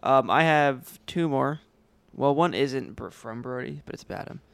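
A chatty, upbeat man co-hosts a casual movie podcast. His voice is smooth and clear at a middle pitch. He sits close to a dry mic. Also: moderate pace, fairly bright tone, no room sound. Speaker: podcast co-host.

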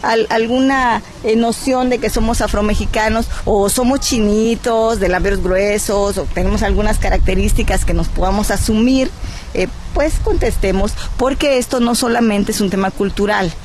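A Mexican woman speaks as a guest on a radio interview, in a voice of medium pitch. She presses her points earnestly and persuasively, and pauses often on "eh" while she finds her words. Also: a little mellow, a little hiss or hum. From Guerrero, Mexico. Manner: earnest and persuasive, with frequent "eh" hesitations. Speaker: cultural advocate, interview guest.

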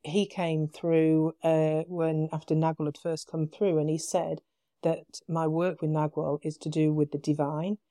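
A woman with a British accent, a podcast guest, telling her story in a casual, animated way with quoted dialogue. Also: low-pitched, unhurried, no echo, studio quality. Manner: animated retelling with quoted dialogue, frequent laughs.

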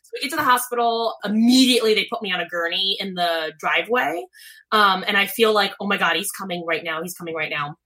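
A woman's voice: mid-range voice, fast, bright, forceful tone. A young woman telling a personal story in a casual, chatty way, often saying "like" and acting out her own past thoughts.

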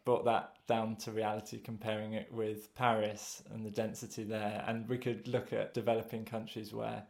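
A man co-hosting a podcast in casual chat, quick and joking with self-aware banter. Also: lowish voice, completely flat delivery, vocal fry. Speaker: podcast co-host.

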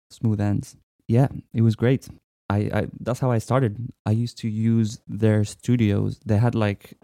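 A man in his twenties from France, a musician talking casually in an interview, relaxed and hesitant with many fillers. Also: on the low side, creaky, no room sound, studio quality. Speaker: musician guest.

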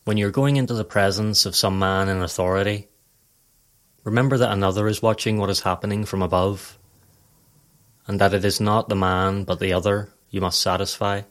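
A low-voiced man narrates a guided meditation from a script, speaking calmly and at a measured pace. His instructions come across as composed and even-handed.

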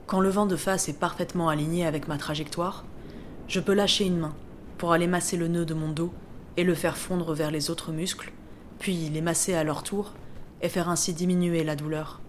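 Woman, low and monotone, introspective diary voice-over, tired and downbeat, close mic. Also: a little hiss or hum. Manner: subdued, reflective, weary. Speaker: narrator of her own bikepacking race diary. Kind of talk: scripted first-person voice-over narration.

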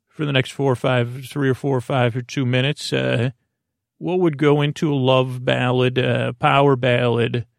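A man with a creaky, mid-range voice hosts a sleep podcast, delivering a rambling, absurd bedtime monologue that is halting and meandering. He keeps trailing off and restarting. The audio is studio quality with no echo.

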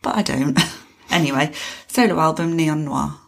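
A woman's voice: low voice, moderate pace, vocal fry. A woman co-hosting a podcast, chatting casually about music news and hedging with "obviously" and "I think". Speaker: podcast co-host.

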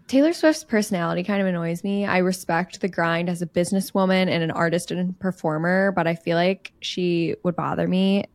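A woman's voice: fairly low pitch, brisk, few pauses, no room sound. A woman co-hosting a casual podcast, talking in a chatty, emphatic way. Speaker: podcast co-host. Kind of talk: casual chat.

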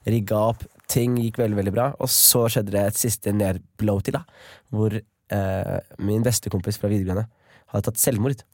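A man's voice: on the low side, steady tone, a little mellow, no room sound, clean studio sound. A young man, a stand-up comedian, telling a personal story in a casual, rambling way with lots of fillers and swearing. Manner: loose, rambling delivery full of fillers and swearing. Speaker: stand-up comedian as podcast guest.

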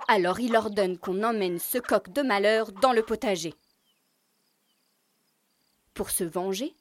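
A woman telling a children's tale in a lively, expressive way. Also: mid-range voice, dry recording. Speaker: storyteller. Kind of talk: scripted narration for children. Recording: narration over music.

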